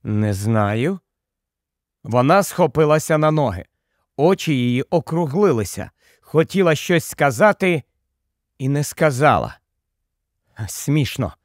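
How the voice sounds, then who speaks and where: A man giving an expressive, tension-building narration of a short story. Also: fairly high pitch, measured pace, long pauses, dry recording, studio quality. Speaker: audiobook narrator. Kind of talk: dramatic audiobook narration.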